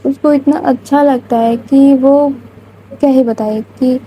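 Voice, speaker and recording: A woman's voice: sits high, fairly even intonation, mellow, slight background noise, poor audio. A woman telling a romance story in a casual, chatty way, with frequent filler words.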